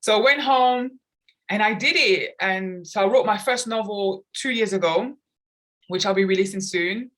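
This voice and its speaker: With a mid-range voice at a moderate pace, a children's author and artist raised in London, England is interviewed on a conversational podcast. Earnest and reflective, she talks at length about her personal experiences.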